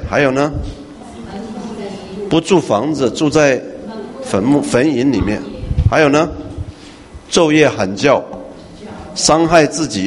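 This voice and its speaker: Man preaching in an echoey hall. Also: mid-range voice. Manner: animated preaching that moves from hushed to loud and questions the congregation. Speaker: pastor. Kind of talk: sermon. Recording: echoey hall with faint noise.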